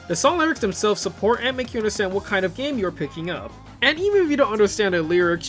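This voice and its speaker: With a high-pitched, fairly bright voice, this video host and reviewer keeps his commentary casual and opinionated. He leans on rhetorical questions, while upbeat music from the featured videos runs behind him.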